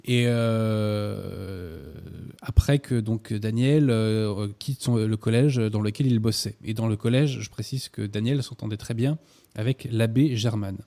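A man's voice: lowish voice, a little slow, gravelly, warm tone. A man talking about a novel on a radio show, polite and formal in how he addresses his guest. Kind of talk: casual conversation about a novel.

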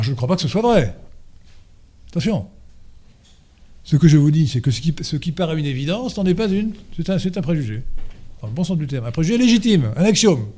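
A man lecturing at a conference, his voice sitting a little high yet mellow and soft-edged. He stalls on fillers and repeats words while hunting for phrasing. Then he presses his points with emphatic, insistent stress. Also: slight background noise. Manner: hesitant, many fillers and restarts, emphatic lecturing. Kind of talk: lecture and audience Q&A.

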